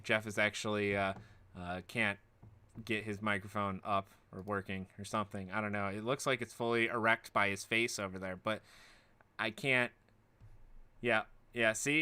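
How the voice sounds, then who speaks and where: A man's voice: medium pitch, bright, forceful tone, clean tone. A man hosting a livestream, chatting casually in rambling, joking rants. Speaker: livestream host.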